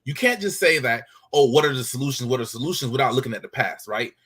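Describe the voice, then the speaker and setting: A man's voice: mid-range voice, animated, fast, fairly bright tone, husky. A man from the United States with an American accent, calling in to a talk show and making his case with many hesitations and restarts. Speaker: caller. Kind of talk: casual call-in discussion.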